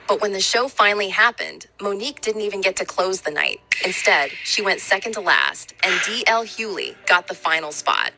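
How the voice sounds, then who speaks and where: A woman's voice: medium pitch, huge pitch swings, moderate pace, hardly any pauses, over music, low-quality recording. A woman hosting a celebrity gossip show, narrating in a casual, slangy storytelling manner.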